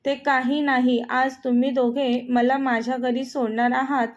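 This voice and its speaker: Storybook role: a furious, tearful young wife, read by a woman with a high voice. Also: flat delivery, moderate pace, dull audio, close to an everyday voice. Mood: bitter. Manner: bitter, complaining. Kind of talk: storybook reading.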